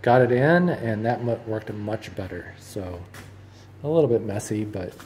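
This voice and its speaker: A man filming his own basement renovation, calmly talking through the work as he goes and thinking out loud with small restarts and fillers. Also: fairly low pitch, measured pace, slight background noise. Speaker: DIY home renovator. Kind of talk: casual first-person narration. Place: unfinished basement room indoors.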